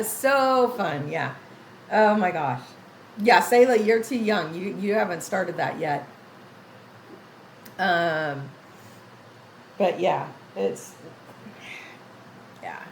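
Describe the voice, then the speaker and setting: A woman in her sixties with a gravelly, creaky voice, talking casually to her livestream chat in a rambling way, often restarting her sentences. The sound is roomy and echoey, with a faint hiss of noise underneath. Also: medium pitch. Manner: rambling, reads chat names aloud, many restarts. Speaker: gaming livestream host. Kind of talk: casual chat with live chat readers.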